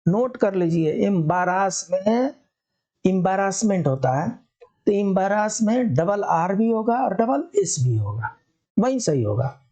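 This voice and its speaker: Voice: mid-range voice, sing-song, a little slow, dark tone. A teacher giving a spelling lesson for exam students, explaining step by step and answering their own questions.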